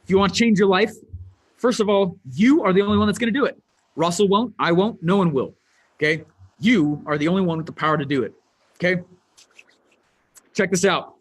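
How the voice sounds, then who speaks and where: A man giving a motivational online presentation as a business coach, energetic and emphatic, speaking straight to his audience through a computer mic. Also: sits high, brisk, long pauses, breathy edge.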